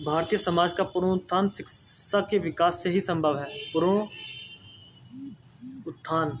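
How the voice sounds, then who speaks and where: A man's voice: high-pitched, slight background noise. A young man teaching Hindi spelling for exam prep. He repeats words and keeps checking in with his students. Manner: explains patiently, repeats words, often says "ठीक है ना".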